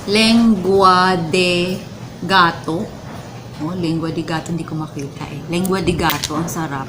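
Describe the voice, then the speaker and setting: Clear background noise surrounds a Filipino woman with a slightly low voice. She chats casually to her viewers in a mukbang eating vlog, savouring the food as she talks. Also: fairly even intonation, quick pace. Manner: chatty, addresses viewers directly. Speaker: vlogger.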